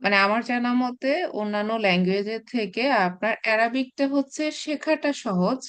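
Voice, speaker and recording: A woman teaching a recorded Arabic class, explaining patiently with many pauses and restarts, mixing in English terms. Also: fairly high pitch, clean tone. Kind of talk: recorded online class lecture.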